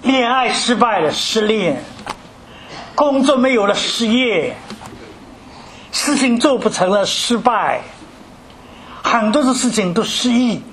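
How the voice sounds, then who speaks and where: Older male preacher from mainland China, high voice, asks rhetorical questions, animated delivery. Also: slow pace, pauses often, slight background noise. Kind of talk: sermon with personal story.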